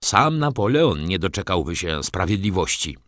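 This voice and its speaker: A man's voice: deep voice, big pitch swings, moderate pace, fairly bright tone, no echo, studio quality. A man voicing a gloomy old clerk who grumbles that the world is getting worse, in an audiobook reading. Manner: grumbling, head-shaking complaint.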